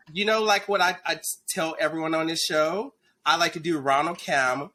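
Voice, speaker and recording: A man in his thirties from Dallas, Texas, hosts a casual interview podcast over a video call, coming across as teasing and gossipy. His voice sits on the high side with a sharp tone. There's slight background noise.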